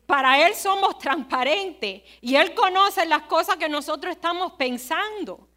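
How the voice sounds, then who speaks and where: A woman's voice: very high-pitched, animated, a little slow, pushed and bright. A woman preaching a sermon, telling stories and speaking straight to her listeners. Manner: storytelling, conversational, asks the listeners directly.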